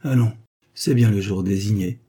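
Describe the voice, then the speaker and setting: A man's voice: on the low side, moderate pace, dark tone, slightly rough. A man voicing a doomed aristocratic count, speaking with courtly, earnest declamation. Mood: solemn. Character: doomed aristocratic male count, gracious and composed.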